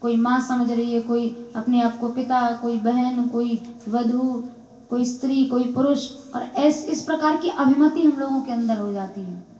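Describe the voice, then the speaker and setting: A high-pitched woman teacher speaks slowly and deliberately, chanting Sanskrit verses before unpacking each one with rhetorical questions. She was recorded on a mobile phone in a home living room, so the sound is roomy and a bit muffled. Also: fairly even intonation, mellow. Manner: recites Sanskrit verses, then explains them with rhetorical questions. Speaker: spiritual teacher. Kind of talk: devotional discourse. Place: private home.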